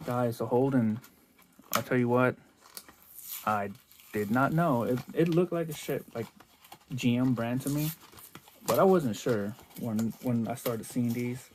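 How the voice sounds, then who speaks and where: A man's voice: mid-range voice, slow pace, pauses often, a little mellow, slight background noise. A man chatting casually as he unboxes toy cars for his vlog, rambling and restarting his sentences a lot. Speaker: toy car collector vlogger.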